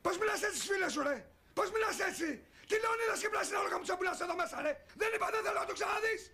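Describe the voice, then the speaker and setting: An actor playing a middle-aged father, furious and domineering, shouting orders at his daughter in a film drama. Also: extremely high pitch, gravelly, full character voice. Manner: shouting, authoritarian.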